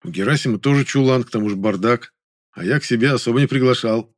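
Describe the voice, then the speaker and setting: A man's voice: mid-range voice, fast. A man reading a first-person audiobook story aloud, with a dry, ironic manner. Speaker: narrator.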